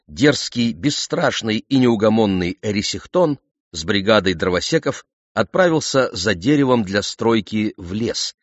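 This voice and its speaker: A man narrating an audiobook in a lively, theatrical storytelling manner. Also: lowish voice, no room sound. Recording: slightly dull, dry recording.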